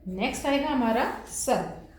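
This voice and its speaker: A woman's voice: a little high, expressive, normal speed, a little mellow. A woman teacher giving a classroom lesson, spelling words out sound by sound and mixing in terms. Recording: very echoey room.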